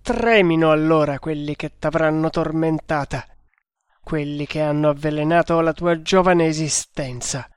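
A man's voice: a little high, clear, resonant tone, dry recording, clean studio sound, close to an everyday voice. A man voicing a fiercely vengeful young hero. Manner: fierce, impassioned declarations. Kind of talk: audiobook character voice.

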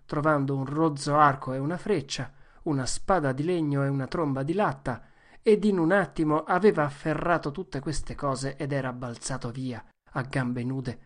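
Low-voiced woman reading a storybook. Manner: calm, even-paced narration. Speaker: narrator.

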